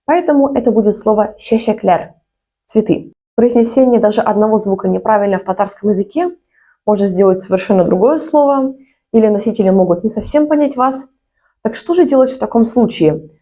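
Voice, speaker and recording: A woman language teacher giving a short pronunciation lesson and promoting her course, explaining each sound clearly. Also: mid-range voice, lively intonation, fairly quick, mellow.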